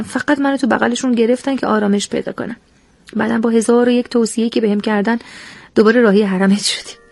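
Woman narrator, creaky voice, warm devotional telling of a personal memory. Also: mid-range voice, slight background noise. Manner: tender, devotional storytelling, addressing a saint. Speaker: radio narrator. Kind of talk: scripted first-person narration.

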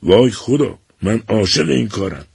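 A man reading an audiobook and voicing an eager, theatrical teenage boy who talks with excitement and dramatic declaiming. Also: on the low side, creaky, husky, no room sound, clean studio sound, full character voice. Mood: excited.

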